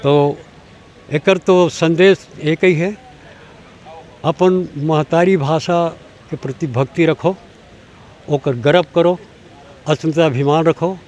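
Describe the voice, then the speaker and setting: An older man with a Chhattisgarhi accent, a language activist, answers an interview emphatically and in a lecturing way, arguing through rhetorical questions. His voice is slightly high with a darkish tone.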